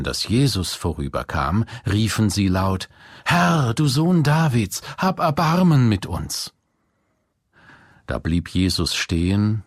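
Deep-voiced man reading bible passages, slow and solemn. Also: no room sound, studio quality. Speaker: scripture reader. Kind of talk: scripture reading.

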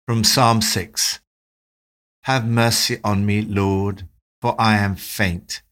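A man giving a devotional talk, reading Bible passages and reflecting on them in a calm, measured way. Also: on the low side. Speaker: devotional presenter.

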